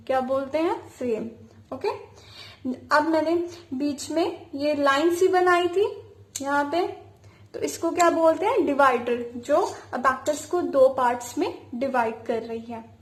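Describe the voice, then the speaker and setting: A woman's voice: high voice, reverberant. A woman teaching a beginner abacus lesson. She asks the class a question and then answers it herself, spelling out words letter by letter. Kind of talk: teaching with call-and-response questions.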